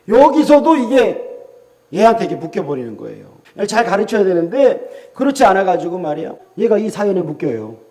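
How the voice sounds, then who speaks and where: A man's voice: high voice, darkish tone. A male pastor with a Gyeongsang accent preaching a sermon, telling stories and acting out the voices of church members, repeating key phrases for emphasis.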